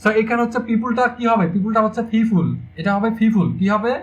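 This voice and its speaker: High-voiced young man teaching English. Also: fairly even intonation, rapid-fire, dull audio. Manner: repeats questions to the class, explains step by step. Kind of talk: online exam-prep lecture.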